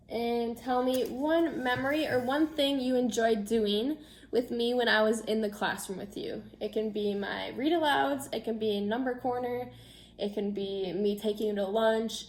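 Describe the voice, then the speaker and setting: An elementary school teacher with a fairly high voice reads a picture book aloud, chatting informally and directly with young children. The recording has an echoey room and a slight hiss or hum.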